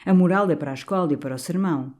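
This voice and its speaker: A woman voicing a young, cynical male priest who talks back with defiant, sneering calm, for an audiobook. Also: low voice, brisk.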